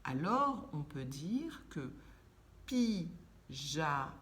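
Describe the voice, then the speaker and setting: A woman teaching young children, speaking slowly and carefully, drawing out words so they can hear each sound. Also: fairly low pitch, big pitch swings. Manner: slow, carefully enunciated, stretching words for children. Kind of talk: children's lesson.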